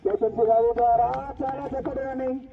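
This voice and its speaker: High-pitched excited male cricket commentator. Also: fast. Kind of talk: live village cricket match commentary. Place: outdoors at a village cricket ground. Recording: muffled, distant outdoor recording with loud noise.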